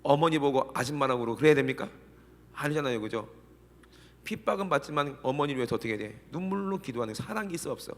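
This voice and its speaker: A middle-aged man preaching a sermon as pastor, animated and constantly firing questions at the congregation. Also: medium pitch, fast. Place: church sanctuary. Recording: long church hall reverb.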